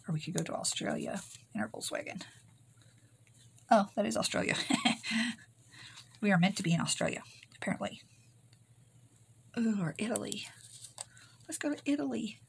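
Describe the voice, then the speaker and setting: A woman's voice: mid-range voice, gravelly. Woman, crafting vlog host, casual self-talk, faint background hiss. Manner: chatty, talks to herself while working.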